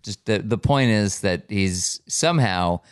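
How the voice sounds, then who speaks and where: A man's voice: fairly low pitch, animated, measured pace, clear, resonant tone, dry recording. A man co-hosting a podcast, chatting casually with a dry, wry humor and a tired edge. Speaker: podcast co-host. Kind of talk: casual chat.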